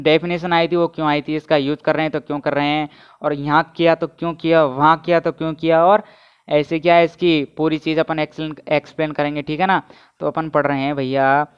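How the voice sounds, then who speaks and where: Male physics tutor, clear but monotone, muffled lo-fi recording, energetic quizzing style. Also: on the high side. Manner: keeps asking students to answer and comment; energetic, repetitive teaching. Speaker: physics teacher. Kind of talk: energetic online lecture. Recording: dull, muffled lo-fi audio.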